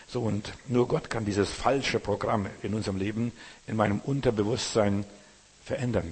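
A man with a fairly low, slightly mellow and husky voice preaches a sermon in German in a reverberant hall. He is earnest and exhorting, addressing his listeners directly.

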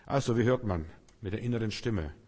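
Husky-voiced man preaching in a hall. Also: lowish voice, a little fast, darkish tone. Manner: preaches in short repeated phrases, addressing the listener directly. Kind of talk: sermon.

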